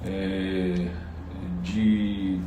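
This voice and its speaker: A man's voice: low-pitched, little pitch movement, very slow, roomy sound, far from the mic, background noise. A man from Salvador, a psychologist, giving earnest, explanatory interview answers with frequent restarts. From Salvador, Bahia, Brazil. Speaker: psychologist and political candidate.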